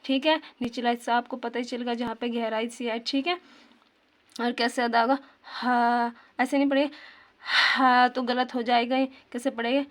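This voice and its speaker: A woman teaches Quran recitation in a patient, step-by-step way. Her voice sits a little high but stays on an even, narrow melody. She keeps repeating key terms and quizzing her listeners. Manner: patient, repeats terms and asks questions back to viewers; slows down to demonstrate Arabic sounds. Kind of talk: tajweed lesson.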